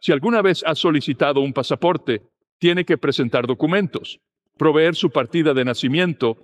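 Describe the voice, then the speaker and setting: A man preaching a sermon, speaking in a steady, earnest teaching manner. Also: a little high.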